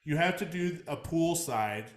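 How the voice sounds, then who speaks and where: A man co-hosting a podcast in casual chat, animated and swearing freely, repeating himself as he talks. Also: a little high, unhurried. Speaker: podcast co-host. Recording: roomy echo.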